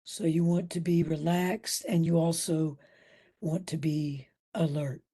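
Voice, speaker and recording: Leading a guided meditation, this female instructor speaks in a deep voice with fairly even intonation. She is soothing and gentle, leaves long pauses, and her breathiness at times comes close to a whisper.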